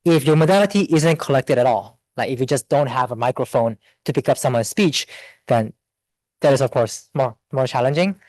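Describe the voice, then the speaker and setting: A man giving a seminar talk and answering audience questions in a quick, think-aloud way with restarts. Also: medium pitch, a little mellow, dry recording. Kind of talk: academic Q&A.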